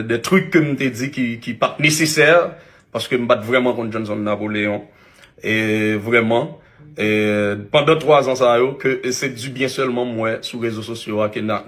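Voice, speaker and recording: A man with a Haitian accent, an influencer giving a halting public video apology with many restarts. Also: medium pitch.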